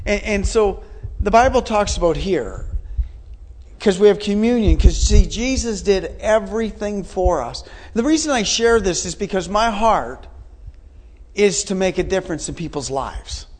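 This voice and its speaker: A man's voice: high-pitched, expressive, unhurried, darkish tone. A man in his forties preaching a sermon in an earnest, repetitive way, asking his listeners questions. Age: 40s. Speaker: pastor.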